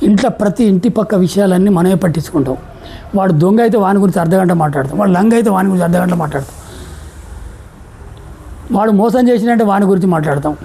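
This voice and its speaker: A woman's voice: medium pitch, very fast, dark tone, a little hiss or hum, rough recording. A middle-aged woman with a Telangana Telugu accent giving a motivational sales seminar talk, firing rhetorical questions and acting out little dialogues.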